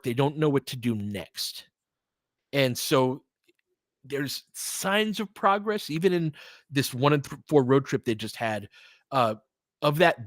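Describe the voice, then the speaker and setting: The recording is dry, with hardly any room sound, as a mid-pitched man casually calls a basketball game. He mixes live play-by-play with analysis and chat, thinking aloud conversationally like a streamer.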